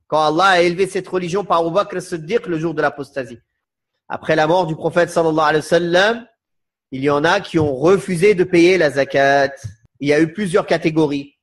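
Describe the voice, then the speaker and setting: A man teaching a religious lesson, slowly and with emphasis, who repeats quotations and asks his listeners questions. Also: on the high side. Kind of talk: religious lecture.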